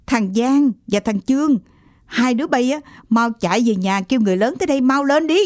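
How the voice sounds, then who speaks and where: A woman's voice: fairly high pitch, animated, fairly quick, a little mellow, no echo, lightly acted. Woman doing a bossy brave village boy. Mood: commanding. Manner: urgent, commanding.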